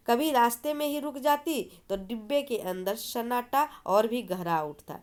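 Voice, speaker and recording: A woman teacher reading a story aloud and explaining it, asking and answering her own questions. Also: fairly high pitch. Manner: explanatory, asks and answers herself.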